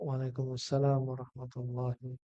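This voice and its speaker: A man giving an Islamic religious lecture, animated, with emphatic loud rising bursts. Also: mid-range voice, normal speed, no echo, highs cut off. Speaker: Islamic preacher.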